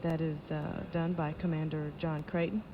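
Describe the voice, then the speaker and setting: A woman giving live launch control commentary as an official announcer, in a measured, matter-of-fact way. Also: sits low, flat delivery. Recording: dull lo-fi broadcast audio with noise.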